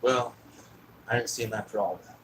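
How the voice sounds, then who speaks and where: A man's voice: on the low side, moderate pace, background noise. Rambling, cussing young guy. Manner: rambling, profane, full of fillers and restarts. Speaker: storyteller. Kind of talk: rambling personal story.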